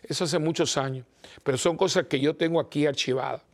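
An older man, a priest, preaching in a lively, chatty way and acting out the people in his stories. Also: on the high side, fairly quick. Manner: lively, animated, acts out voices in anecdotes. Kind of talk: conversational sermon with storytelling.

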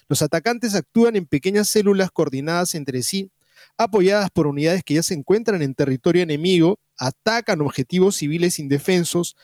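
A man reading a news analysis aloud in a steady, formal way. His voice sits fairly high for a man. The recording is dry and close. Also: no echo. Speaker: article reader.

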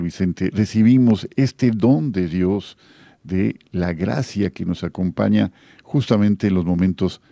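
A man's voice: on the low side, vocal fry, no echo, studio quality. A man with a Mexican accent hosting a live faith radio call-in show, speaking in a friendly pastoral way with many fillers. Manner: warm pastoral tone, frequent fillers. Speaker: radio host.

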